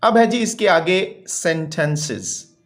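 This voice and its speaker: Male teacher, slightly high voice, slow and deliberate, reads English and translates. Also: lively intonation. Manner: reads English lines slowly, then translates them with formal Urdu vocabulary. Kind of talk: textbook lesson explanation.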